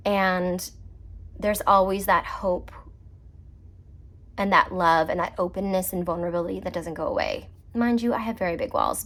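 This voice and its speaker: A woman giving a casual, personal tarot reading on camera, reflective and quick to laugh, trailing off and restarting as she talks. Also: mid-range voice, fairly bright tone. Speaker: tarot reader.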